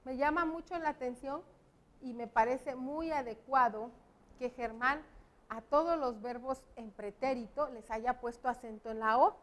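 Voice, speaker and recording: A woman teaches young pupils. Her voice sits high and she talks at a slow, deliberate pace. She explains each point patiently and clearly. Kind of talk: classroom lesson for children.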